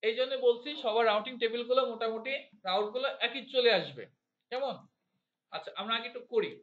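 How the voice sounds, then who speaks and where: A man with a Bangladeshi Bengali accent teaching networking to a class in a fairly high voice. He keeps asking students questions and has them say terms aloud. The recording is roomy and a little dull. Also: fairly quick. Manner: counts digits aloud one by one. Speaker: networking instructor. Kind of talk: classroom lecture.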